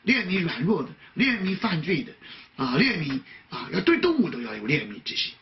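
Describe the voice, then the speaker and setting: A man preaching a sermon, asking rhetorical questions and starting many phrases with a drawn-out filler sound. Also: high voice, huge pitch swings, dull audio, a little hiss or hum.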